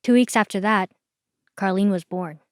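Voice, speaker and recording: A woman hosting a podcast, reading a scripted documentary narration in a measured, explanatory way. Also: medium pitch, clean tone, no echo, studio quality. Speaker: podcast host.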